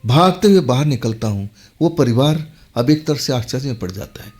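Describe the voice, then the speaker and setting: A man's voice: medium pitch, animated, a little fast, a little mellow. A man telling a first-person horror story in a dramatic, emphatic way, with sudden jumps in his voice.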